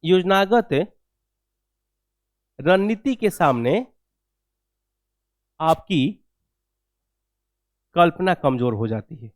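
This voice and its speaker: Lecturing on history for exam prep, a man dictates answer points, repeats key phrases and poses rhetorical questions to check understanding. His fairly high voice is very animated, with drawn-out words and long pauses. The recording is dry and studio quality.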